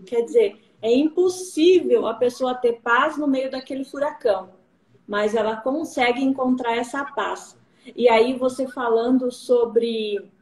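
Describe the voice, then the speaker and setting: A woman's voice: on the high side, a little mellow. A woman guest in a casual live-stream conversation, talking in an earnest, encouraging way and quoting scripture. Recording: roomy live-stream audio.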